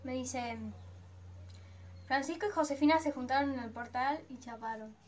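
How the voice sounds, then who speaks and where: A woman's voice: sits high, normal speed, a little hiss or hum. A teenage girl with an Argentine accent telling a personal story in a chatty vlog, dramatically acting out her own reactions. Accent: Argentine Spanish. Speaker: vlogger.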